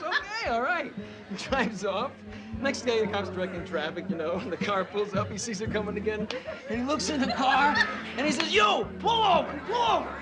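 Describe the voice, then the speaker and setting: A man's voice: very high-pitched, low-quality recording. An actor playing a rowdy man who laughs through his own joke and mimics voices. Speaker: bar patron telling a joke. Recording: film soundtrack with loud music and crowd. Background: loud music and crowd chatter.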